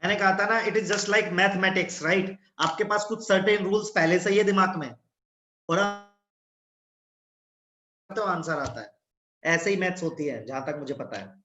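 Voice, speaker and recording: A man's voice: sits high, measured pace, long pauses, pushed and bright, slight background noise. A man teaching chemistry in an online class from his room, in a blunt, teasing manner. His voice echoes as if in a cave. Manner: blunt, teasing, scolds students. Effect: echoing voice, like in a cave. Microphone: no earphones, device mic.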